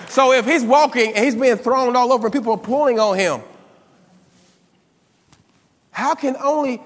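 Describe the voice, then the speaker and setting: A pastor preaches a sermon, calling on the congregation to respond and building to loud, emphatic peaks. His voice sits high, and a long reverb tail trails after it.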